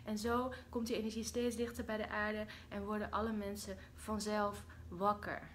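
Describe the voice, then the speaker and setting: A Dutch woman hosting a casual spiritual livestream, expressive, with loud outbursts and soft whispers, mixing in English phrases. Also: mid-range voice, moderate pace, a little hiss or hum. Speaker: livestream host.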